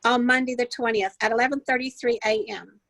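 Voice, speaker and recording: A slightly high-voiced woman asks questions in a casual interview, restating details to be sure she has them right. Her voice sounds close and dry, with no room echo. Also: steady tone, fairly quick, fairly bright tone. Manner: inquisitive, repeats and rephrases to clarify. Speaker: co-host interviewer.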